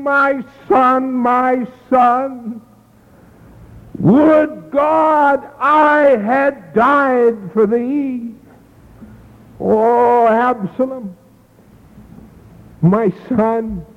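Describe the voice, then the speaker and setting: A man's voice: very high voice, pitched above the performer's own voice, full character voice. A preacher voicing an aging king and anxious father, pleading and mournful. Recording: tinny lo-fi echoey hall.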